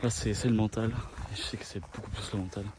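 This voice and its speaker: A man's voice: on the low side, steady tone, fast talker, background noise. A young man, worn out and in pain from a long walk, talking casually to his viewers outdoors. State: exhausted and in pain. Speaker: vlogger. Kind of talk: casual vlog talk to viewers, with swearing. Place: outdoors, walking along roads.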